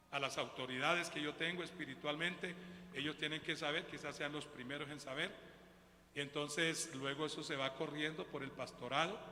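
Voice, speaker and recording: Emphatic Colombian pastor in an echoey church. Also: male voice, fairly high pitch, bright, forceful tone, a little hiss or hum. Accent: Colombian Spanish. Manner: emphatic preaching, addressing the congregation as brothers. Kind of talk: sermon. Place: church hall. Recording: echoey church hall with long reverb.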